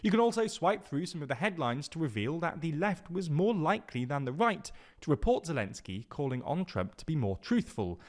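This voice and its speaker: A man's voice: on the high side, very animated, brisk, few pauses. A man giving a scripted ad read in an upbeat, salesy way. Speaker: ad narrator.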